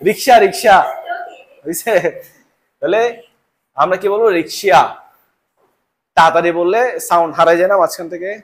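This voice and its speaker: A man's voice: high-pitched, quick pace, long pauses. A young man teaching a biology class to students in a classroom. He repeats each term and keeps checking that they follow. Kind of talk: live classroom lecture.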